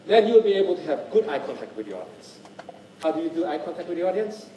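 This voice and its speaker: A man's voice: fairly high pitch, fast talker, echoey room, distant mic, slight background noise, rough recording. A man leading a speaking skills workshop, talking to the class and often checking in with "right?". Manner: lively, keeps checking in with "right?". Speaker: workshop trainer. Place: workshop room.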